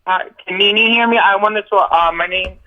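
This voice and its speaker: A man calling in from Long Island, his voice a touch high and thin through a tinny phone line. His own computer plays the show back, so every word rings with a doubled echo. He sounds hesitant, unsure anyone can hear him. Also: moderate pace. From Long Island, New York. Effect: echo from his computer playing the show back into the line. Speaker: caller. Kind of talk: call-in to a talk show.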